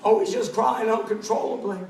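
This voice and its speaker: A male pastor with a strikingly high voice, narrating a sermon in an animated, playful way. The sound echoes through the church and the mic is far away. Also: a little fast, creaky. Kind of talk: dramatic sermon storytelling. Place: church sanctuary.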